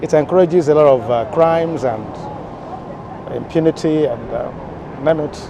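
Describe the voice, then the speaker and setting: A man's voice: on the high side, unhurried, creaky. A man giving an emphatic opinion in a street interview. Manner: emphatic, stammering start. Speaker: interviewed passer-by. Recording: street interview with traffic noise.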